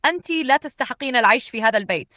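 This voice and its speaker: A woman voicing a cruel rich husband who snaps commands and shouts at his wife. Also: on the high side, animated, quick pace, no room sound. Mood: harsh, angry.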